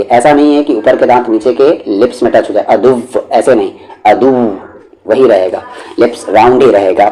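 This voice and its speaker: A man teaching recitation word by word, spelling out each syllable and then reciting the words slowly and drawn out. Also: medium pitch, dark tone, rough recording. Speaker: Quran teacher.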